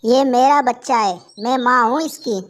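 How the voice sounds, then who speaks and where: A woman voicing a tender, ailing mother kite bird in a cartoon, speaking gently and protectively. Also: a little high, moderate pace, close to an everyday voice. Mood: fierce. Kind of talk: Hindi cartoon voice acting.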